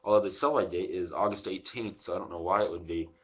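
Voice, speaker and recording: A man in his twenties speaks in a fairly low voice with his lip packed full of dip. He rambles casually and swears freely, as in a homemade product review. The sound is slightly dull and lo-fi, picked up by a webcam microphone. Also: quick pace, husky. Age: 20s. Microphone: webcam microphone at arm's length.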